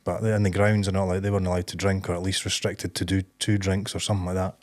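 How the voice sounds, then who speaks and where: A Scottish man with a very low voice, chatting casually as a podcast co-host. He tells stories in a relaxed, rambling way and often breaks into laughter. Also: fast. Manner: chatty storyteller, easygoing, drops into laughter. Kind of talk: casual chat.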